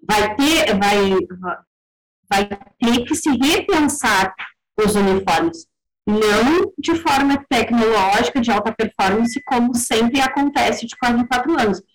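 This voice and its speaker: A woman, speaking as a panelist in a casual discussion, measured and thoughtful with frequent hesitations. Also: on the high side, rough recording.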